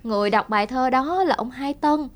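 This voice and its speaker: A woman's voice: high voice, brisk, lightly acted. A woman playing a polite young granddaughter. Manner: polite, lively.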